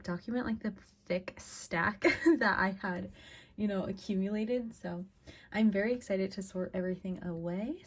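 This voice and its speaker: A young woman in casual chat, upbeat and chatty with lots of fillers, recovering from a cough, talking at her desk at home. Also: mid-range voice. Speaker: vlogger.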